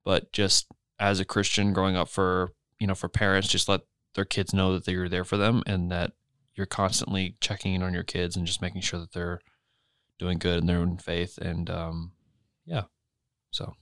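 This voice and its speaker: A man's voice: low-pitched, monotone, moderate pace, fairly bright tone, clean tone, dry recording, studio quality. An eighteen-year-old man in college, talking earnestly and a little hesitantly in a casual family podcast chat. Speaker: podcast guest, son.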